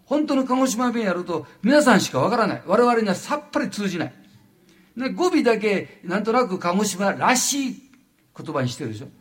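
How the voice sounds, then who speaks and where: An older man from Japan giving a lecture, halting with frequent fillers and lively asides. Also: sits high. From Wajima, Noto Peninsula, Japan.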